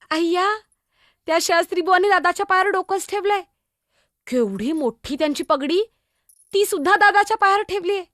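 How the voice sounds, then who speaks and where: A woman playing a lively, teasing young girl, Muktai, in a chatty, innocent solo stage monologue. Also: very high voice, no room sound, studio quality.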